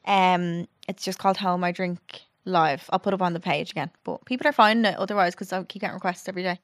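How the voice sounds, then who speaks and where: A woman's voice: fairly low pitch, fairly even intonation, quick pace, no echo, clean studio sound. Easygoing woman co-host. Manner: easygoing, agreeable back-and-forth. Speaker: podcast co-host. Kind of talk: casual chat.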